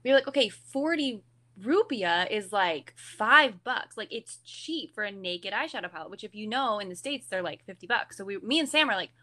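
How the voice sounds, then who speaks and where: Young woman guest, mid pitch, animated storyteller, says like constantly. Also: normal speed. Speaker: podcast guest. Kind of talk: casual chat.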